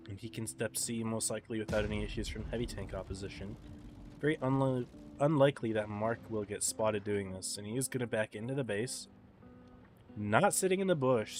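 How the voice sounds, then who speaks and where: Calling an esports match for a live stream, this caster speaks in a low-key, laid-back manner. His mid-range voice comes across stuffy and weary.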